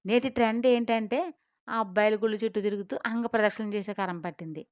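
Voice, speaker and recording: A woman tells a romance audio story with expressive, descriptive narration. Her voice is smooth and clear, close to the mic. The room is dry and the sound slightly lo-fi. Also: medium pitch, quick pace, dry recording. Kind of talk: scripted narration.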